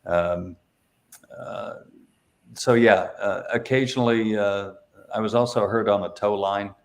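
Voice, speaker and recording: Gravelly-voiced middle-aged man, halting. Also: on the low side, steady tone. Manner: hesitant, many fillers and restarts. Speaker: paramotor instructor and guest. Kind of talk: casual interview storytelling.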